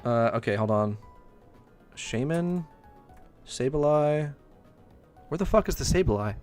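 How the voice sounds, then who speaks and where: A young man livestreaming a game, chatting casually, swearing and ranting loudly at it. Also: mid-range voice, fast, soft background music. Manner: excitable, swears often, rants loudly at the game. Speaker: streamer.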